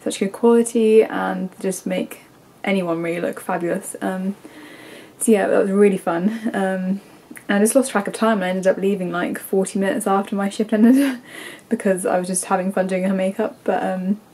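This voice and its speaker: Holding the camera at arm's length in her bedroom, an English woman in her twenties vlogs casually, rambling with plenty of ums and likes through a stuffy, congested nose. She speaks at normal speed in a mellow, medium-pitched voice with fairly even intonation.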